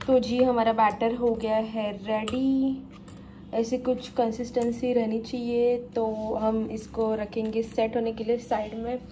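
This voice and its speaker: A young woman talks her way through cooking in a home kitchen, with a faint hum of noise behind her. Her voice is mellow and her pitch stays flat. She rambles and keeps correcting herself mid-sentence. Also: low-quality recording. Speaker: cooking vlogger. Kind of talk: casual cooking vlog chat.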